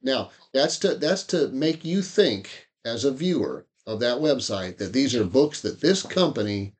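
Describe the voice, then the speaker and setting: A man's voice: mid-range voice, expressive, a little slow. A man hosting an interview, casually restating points and asking folksy follow-up questions. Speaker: interviewer host. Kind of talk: conversational podcast interview.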